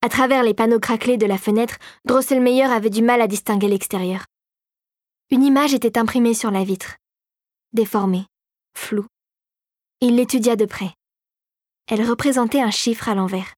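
A woman narrating a storybook in a measured, even manner, reading from a script. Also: on the high side, no room sound, clean studio sound. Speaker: audiobook narrator.

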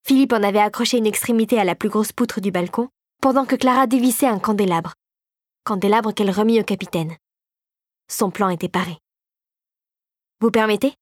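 A woman reading a storybook aloud in a measured, expressive way. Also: mid-range voice, no room sound, studio quality. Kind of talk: audiobook narration.

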